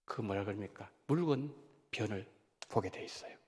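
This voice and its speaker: A man, a senior pastor, preaching a sermon in a church, talking in an animated way that rises and drops sharply for emphasis. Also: lowish voice, normal speed, slightly rough. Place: church sanctuary. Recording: long hall reverb of a church.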